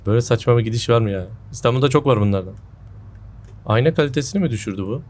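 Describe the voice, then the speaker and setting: A man with a mid-range, darkish voice gives casual gameplay commentary very fast and expressively, speaking into a headset mic in a room at home. He hosts gaming videos, and a sore throat has left his voice a little off.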